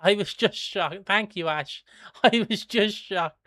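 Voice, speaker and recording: A casual livestream host from Kildare, Ireland, rambles, swears and laughs while reading out viewer comments, plugging merch in a breezy, offhand way. His mid-range voice is slow and a bit bright, captured as a dry, clean studio recording.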